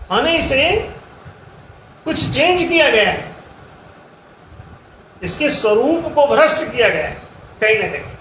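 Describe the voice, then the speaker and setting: Male spiritual teacher, very high voice, emphatic lecturing style, echoey room with faint hiss. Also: a bit bright. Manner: emphatic, explanatory, repeats phrases for effect. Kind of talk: Hindi spiritual discourse.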